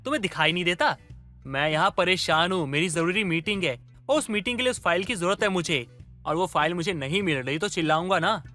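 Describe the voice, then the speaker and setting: A man plays a short-tempered young husband from an animated storybook. His voice is bright and sharp, and he snaps and shouts. Soft music runs beneath. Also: a little high, fairly quick. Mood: angry. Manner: irritated, shouting.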